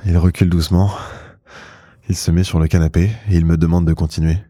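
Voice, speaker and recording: A man narrating an intimate first-person story slowly and in a hushed, measured way, close to the mic. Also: deep voice, level tone, no room sound. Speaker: podcast host and narrator.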